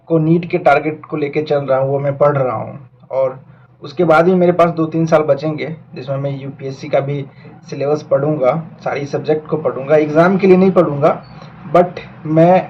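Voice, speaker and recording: A man's voice: fairly high pitch, steady tone, moderate pace, a little hiss or hum. Earnest young man, muffled lo-fi sound. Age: 20s. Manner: earnest, reflective, mixing English words. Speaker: vlogger and aspiring doctor. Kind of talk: casual talk to camera.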